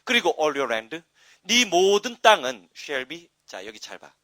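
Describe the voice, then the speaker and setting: A man teaching an English grammar class, chatty and wandering into asides, then loud and emphatic when he explains the rules. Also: fairly high pitch, very animated, slow, no room sound. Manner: rambling, chatty asides with frequent "응?" checks. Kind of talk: classroom lecture.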